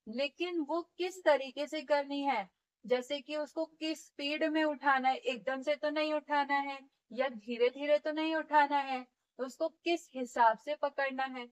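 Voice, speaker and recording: A woman's voice: high-pitched, highs cut off. A woman teaching physiotherapy in a step-by-step classroom lecture, often checking in with her students and demonstrating movements as she explains.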